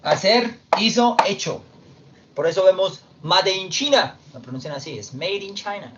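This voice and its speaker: A man teaching an online English class, slowly explaining and repeating verb forms. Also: sits high, lively intonation. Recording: distant, dull lo-fi audio with faint noise.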